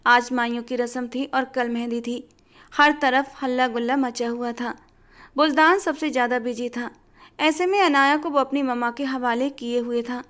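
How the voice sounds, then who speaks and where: A woman with a high voice reads out a dramatic family story. Her narration is steady and expressive, moving evenly from scene to scene.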